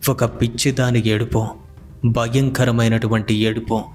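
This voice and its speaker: A man narrating a scripted horror story in a measured, even storytelling manner. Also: medium pitch. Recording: faint music behind the voice.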